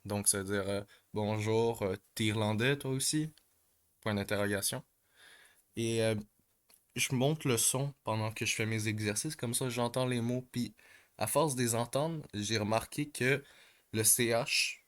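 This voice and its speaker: A man talks through his practice exercises at an unhurried, drawn-out pace. His voice sits a bit low, and he stops often to search for words, filling the gaps with hesitations. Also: sharp tone, clean tone. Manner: hesitant, many pauses and fillers. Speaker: language learner explaining exercises. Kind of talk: casual step-by-step explanation.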